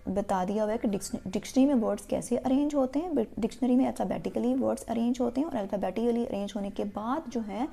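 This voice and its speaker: A woman teaching an English lesson, explaining in Hindi and slowing right down whenever she reads an English sentence aloud. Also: on the high side, gravelly, mellow. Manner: checks in with the class often.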